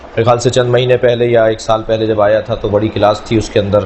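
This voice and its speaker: Man lecturing in a measured way. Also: on the low side, level tone, a little mellow, a little hiss or hum. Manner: measured, explains with analogies and repeats key words. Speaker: teacher. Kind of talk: classroom lecture.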